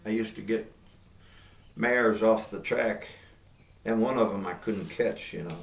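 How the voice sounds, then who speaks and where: A man's voice: fairly low pitch, a little slow, vocal fry. An older American man with a folksy cowboy twang, telling stories and reciting cowboy poetry. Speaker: cowboy poet. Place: inside an old log barn. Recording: roomy echo, distant microphone.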